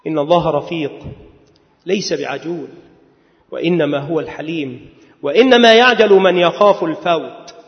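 A man with a fairly high, gravelly voice gives a religious lecture. He speaks in measured phrases and sometimes draws words out in a chanting lilt. The recording is dull and lo-fi, with a long reverb like a large hall.

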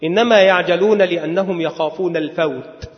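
A man giving a religious lecture at a measured pace, now and then drawing words out in a chanting lilt. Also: high-pitched. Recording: long hall reverb, dull lo-fi sound.

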